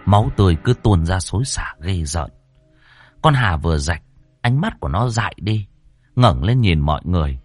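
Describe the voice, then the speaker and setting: Husky male ghost-story narrator. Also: deep voice, lively intonation, normal speed, dry recording, faint music behind. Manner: dramatic, swooping delivery.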